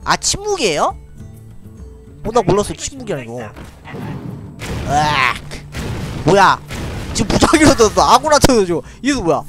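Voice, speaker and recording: A man's voice: sits high, wildly swooping pitch, fairly quick, pauses often, over music. A man streaming a card game live, thinking aloud about his moves and laughing often as he chats with viewers. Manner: chatty, thinks aloud, frequent little laughs. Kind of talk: live gameplay commentary.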